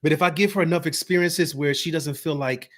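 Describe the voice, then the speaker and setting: A man talks through marriage advice in an easygoing, motivational way. He acts out little snatches of dialogue and now and then drops into a calm, soft tone to show an example. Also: a little high, fairly quick. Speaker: host giving marriage advice. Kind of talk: casual motivational talk.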